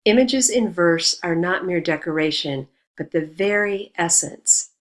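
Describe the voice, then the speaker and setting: A woman teaching a recorded lesson on poetry, explaining in a measured way and reading quotations aloud. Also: fairly low pitch.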